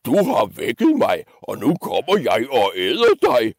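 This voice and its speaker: A man's voice: mid-range voice, wildly swooping pitch, no room sound, clean studio sound, voice pushed up. A man voicing a huge grumpy male troll who bellows threats. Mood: menacing.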